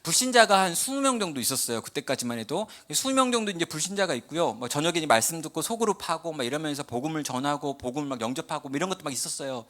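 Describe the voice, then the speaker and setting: A man's voice: on the high side, rapid-fire, few pauses. A man in his forties, a guest pastor preaching at a church prayer meeting, telling a personal story with humor and acting out his old prayers. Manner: animated, humorous, acts out his own past prayers.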